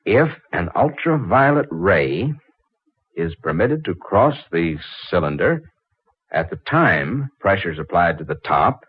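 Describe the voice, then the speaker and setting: A man's voice: deep voice, sing-song, unhurried, slightly rough, heavily acted. An actor playing a brash, flustered young stranger in a 1940s radio drama, stammering and fumbling his words. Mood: musing. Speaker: out-of-town engineer visiting a library. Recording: dull old radio recording.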